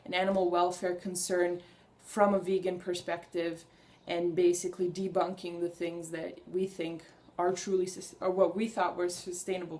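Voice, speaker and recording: A mellow, low-leaning female voice belongs to a young Hungarian vlogger. In a casual personal video she speaks to camera with earnest enthusiasm, drifting a little and restarting what she says.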